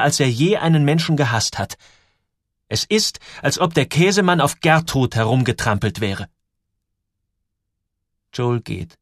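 Male audiobook narrator, animated delivery, dry close read. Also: mid-range voice, no room sound. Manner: lively, dramatic storytelling with sudden drops and rises. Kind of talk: scripted narration.

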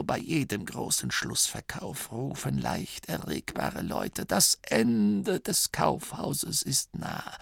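A man's voice: medium pitch, vocal fry, husky, no echo, clean studio sound, pitched above the performer's own voice, exaggerated voice. A man voicing an ancient, mocking gnome abbot. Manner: quiet, slow, dismissive.

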